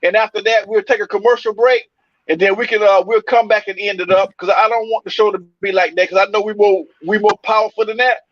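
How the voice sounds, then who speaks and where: A man co-hosting a casual talk show from a remote line. His voice comes through metallic and robotic, with feedback. He talks in a halting, loose way, full of fillers. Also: sits high, fairly even intonation, a bit bright, no echo. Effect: robotic, metallic-sounding connection with feedback. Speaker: co-host calling in remotely. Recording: muffled remote call line.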